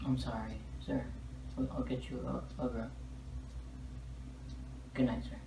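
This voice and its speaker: Amateur man as a timid club owner, flat low mumble, dark tone. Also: measured pace, creaky, slight background noise, rough recording. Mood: nervous. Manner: quiet, hesitant mumbling. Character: nervous young male club owner.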